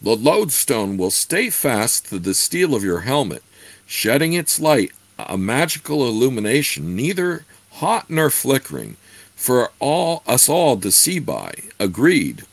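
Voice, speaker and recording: A man's voice: medium pitch, big pitch swings, measured pace, gravelly, slightly rough, no echo, pitched above the performer's own voice, exaggerated voice. A man reading the lines of a solemn elven male druid from a storybook, in formal, archaic phrasing. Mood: calm.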